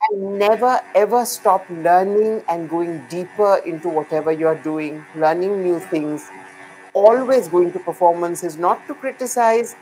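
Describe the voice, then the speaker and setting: Speaking through a laptop webcam from an indoor room, a guest dancer joins a video call panel: a middle-aged Indian-accented woman who talks with confidence and emphasis. Her voice is on the low side, dark in tone and unhurried, and the poor audio has a little hiss or hum.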